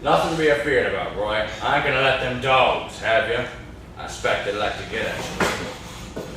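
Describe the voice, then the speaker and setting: A young adult man, lightly acting in an amateur play, portrays a mournful, menacing old cabin dweller with a rustic, folksy drawl. He speaks at a moderate pace in a mid-range voice, captured indoors by a far-off camera mic in a noisy, echoing classroom.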